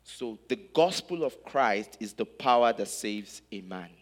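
A man from Nigeria preaching a sermon in English in short phrases, pausing so an interpreter can translate. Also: medium pitch, lively intonation. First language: not German.

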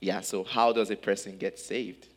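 A man from Nigeria preaching a sermon in English in short phrases, pausing so an interpreter can translate. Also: on the low side, fairly even intonation, slightly rough. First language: not German.

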